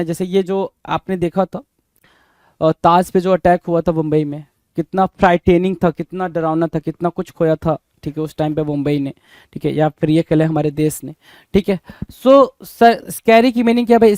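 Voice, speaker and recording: High-pitched teacher quizzing students. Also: male voice, a little mellow, no echo. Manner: quizzing, keeps asking "bhai?" then answering. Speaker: English vocabulary teacher. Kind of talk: Hindi-English exam-prep lesson.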